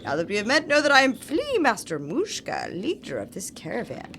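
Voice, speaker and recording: A woman's voice: a little high, wildly swooping pitch, fairly quick, fairly bright tone, a little hiss or hum, pitched above the performer's own voice, full character voice. A woman voicing a grandiose, welcoming flea caravan master in a video game, with theatrical, old-fashioned formal phrasing. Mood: grand, welcoming. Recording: music playing behind the voice.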